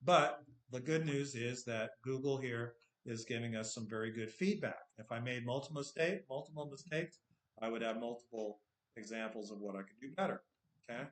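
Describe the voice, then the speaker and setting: A man's voice: mid-range voice, a little fast, reverberant. A man with a Californian American accent and a touch of Texan, teaching English in a patient tutorial, often checking in with "okay?". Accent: Californian American with a little Texan. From United States. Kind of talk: screen-share tutorial lesson.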